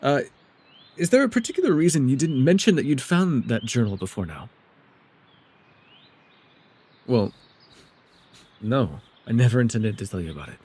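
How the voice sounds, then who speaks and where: In an immersive ASMR roleplay, a man plays a mysterious, soft-spoken elf who is gently teasing and secretive, offering hesitant, tender asides. His mid-range voice is animated, fairly quick, and slightly breathy, and he comes across as flustered and guarded.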